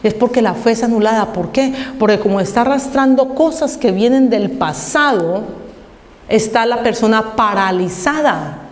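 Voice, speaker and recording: A woman pastor preaching a sermon, reading scripture slowly and asking the congregation rhetorical questions. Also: a little high, lively intonation. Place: church hall. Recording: echoey church hall with long reverb.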